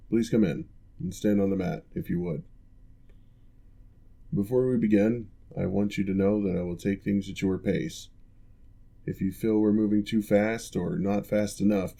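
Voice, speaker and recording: The speaker is a man performing an ASMR roleplay as a calm male orc, an ex-general now practicing physical therapy. He sounds a bit low and mellow, with some creakiness, and his speech stays measured, formal and soothing.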